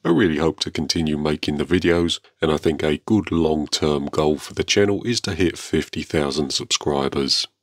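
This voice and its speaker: A YouTube airgun channel host with an exceptionally deep voice narrates a product showcase for his viewers, measured, polite and understated. The recording is close and dry, with very little room sound.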